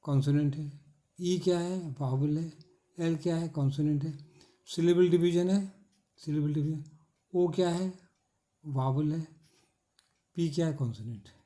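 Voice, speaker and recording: A middle-aged male teacher lectures in a slightly high but mellow voice. He drills the class with short repeated questions and answers and draws key words out slowly. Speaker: English teacher.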